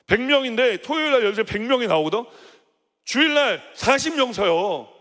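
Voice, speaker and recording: A man's voice: extremely high pitch, expressive, brisk, fairly bright tone. A middle-aged male pastor preaching a sermon to young adults, in a conversational way with rhetorical questions and casual asides. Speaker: senior pastor. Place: church hall. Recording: reverberant church hall.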